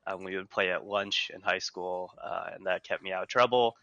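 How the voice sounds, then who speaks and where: A man in casual chat, speaking earnestly and haltingly. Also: deep voice, fairly even intonation, bright, forceful tone, no echo, dull audio. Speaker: guest player.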